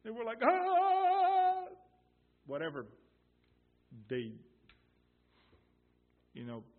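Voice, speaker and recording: Guy preaching a sermon, slow and emphatic, husky, sounds like a phone line. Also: medium pitch. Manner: emphatic, swelling loud on key phrases, quotes scripture slowly.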